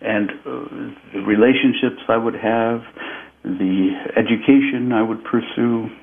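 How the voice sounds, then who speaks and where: Slow, gravelly man on a tinny line. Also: on the low side, fairly even intonation. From Peru. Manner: slow, deliberate and reflective, with frequent repeated "and"s. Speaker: interview guest. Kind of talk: spiritual storytelling in a conversation.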